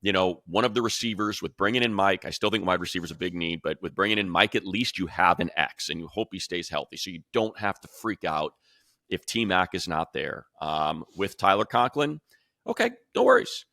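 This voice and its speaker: With lively intonation and a slightly fast pace, a male show host breaks down sports, his very low voice bright and forceful. He sounds emphatic and chatty as he reasons aloud, and the close, dry recording has no room sound.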